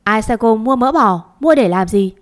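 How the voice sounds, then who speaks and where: A woman's voice: on the high side, lively intonation, moderate pace, natural voice. A woman voicing a stern young master who gives curt, cold orders in a storybook reading.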